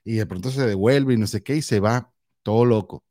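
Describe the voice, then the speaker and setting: A man with a Venezuelan accent, co-hosting a podcast, tells stories in a casual, animated way with plenty of laughter. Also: on the low side, a little fast. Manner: animated, laughing, acts out quotes. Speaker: podcast co-host. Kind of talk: casual storytelling chat.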